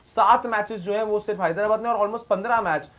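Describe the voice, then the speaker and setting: A man's voice: high-pitched, fairly quick, a bit bright. Steer the panel, a man, asking each guest in turn. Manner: moderating, poses questions to panelists. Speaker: host. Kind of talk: casual cricket preview chat.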